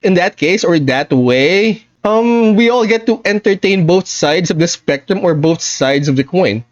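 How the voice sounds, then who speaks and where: A man's voice: high-pitched, animated, unhurried, highs cut off. A man hosting a casual reaction stream, chatty, playful and sarcastic. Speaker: reaction host.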